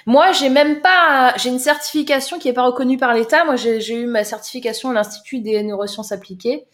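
A woman coach on a live stream, taking viewers' chat questions one by one. Her voice sits a bit high, and she talks loosely, repeats words and pauses on fillers. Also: fairly bright tone. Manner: chatty, loose, repeats words and fills with euh. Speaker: life coach.

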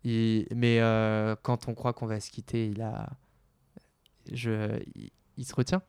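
Flat-voiced man, smooth and gravelly. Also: lowish voice, no room sound. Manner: earnest, halting. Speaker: interviewee. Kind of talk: casual interview answer.

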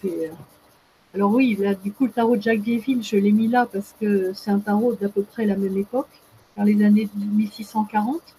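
A woman's voice: mid-range voice, fairly even intonation, a little fast, vocal fry, warm tone, a little hiss or hum, rough recording. A woman explaining as a guest expert in casual talk, hesitant, with many fillers and restarts.

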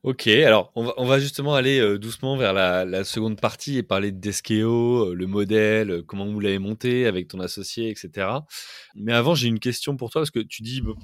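Low-voiced man hosting an interview. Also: no echo, studio quality. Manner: relaxed and conversational, steers questions. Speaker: interview host. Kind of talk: podcast interview.

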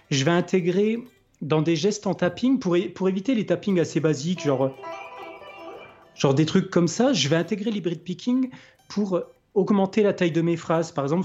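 Hosting a podcast in a rather high, somewhat mellow voice, a man loosely walks through his guitar technique, stopping to play demos and hesitating often as he thinks aloud. Faint guitar sits behind a slightly dull, lo-fi recording.

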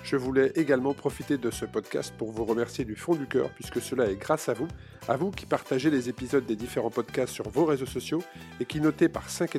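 A man hosting a podcast interview, talking in a relaxed way with many hesitations. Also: medium pitch. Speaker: podcast host.

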